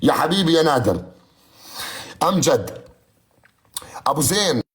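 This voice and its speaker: A man's voice: fairly high pitch, very animated, moderate pace, a bit bright. A man bantering playfully as a rival streamer on a live stream.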